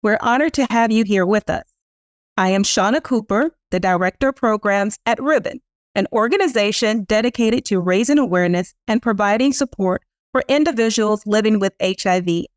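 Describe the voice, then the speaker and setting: A woman's voice: mid-range voice, normal speed, dry recording, clean studio sound. A woman who directs programs, hosting an interview with a formal, polished, scripted delivery. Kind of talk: scripted introduction and interview questions.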